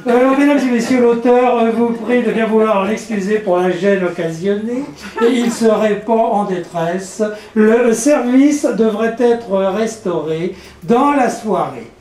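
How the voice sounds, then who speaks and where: A man doing a PA-loudspeaker station announcer. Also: high-pitched. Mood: formal. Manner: formal, measured station-announcement delivery. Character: male public-address announcer, formal and apologetic. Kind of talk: comic spoken-word parody. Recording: echoey, distant PA-style sound.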